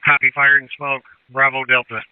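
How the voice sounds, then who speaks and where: A man's voice: mid-range voice, flat delivery, moderate pace, clean tone, no room sound. An American man working as a fire incident commander, giving terse procedural orders over a two-way radio. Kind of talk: fireground radio dispatch traffic. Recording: tinny narrowband two-way radio.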